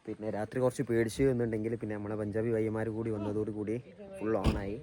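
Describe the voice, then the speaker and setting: A man with a fairly low voice and a Malayali accent narrates a travel vlog as he shows places around. His talk is casual, and he mixes English words into his Malayalam. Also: little pitch movement, quick pace, mellow. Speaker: travel vlogger.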